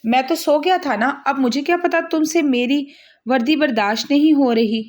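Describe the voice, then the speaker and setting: Brief: woman voicing a playful, smug young husband, voice pitched a bit high, storybook reading. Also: moderate pace, darkish tone, close to an everyday voice. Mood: teasing. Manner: playful, self-assured.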